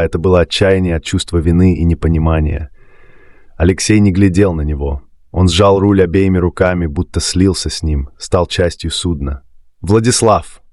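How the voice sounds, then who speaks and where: Deep-voiced guy reading a sea story, dry close mic, steady delivery. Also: no room sound. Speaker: narrator. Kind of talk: scripted narration.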